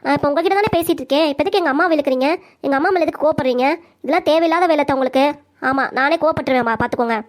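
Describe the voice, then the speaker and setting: In a cartoon comedy, a woman voices a young wife, a hurt daughter-in-law who pleads emotionally while defending herself, speaking in the Tirunelveli Tamil dialect. Her natural voice sits high and races along.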